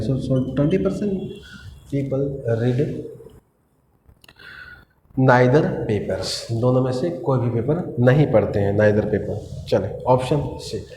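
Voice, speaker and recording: A man's voice: fairly high pitch, warm tone, a little hiss or hum. A man teaching maths at a board in a classroom, explaining each step and checking in with "है ना" as he goes, mixing English phrases into his lecture. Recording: echoey room, faint ambience.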